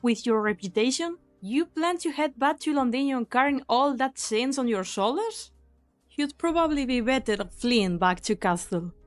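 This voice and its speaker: In an anime game dub with soft music behind her, a woman plays a high-voiced young mercenary leader, cynical and unsentimental, with a sly, taunting edge. Her intonation is lively and her pace moderate as she sounds mocking and incredulous.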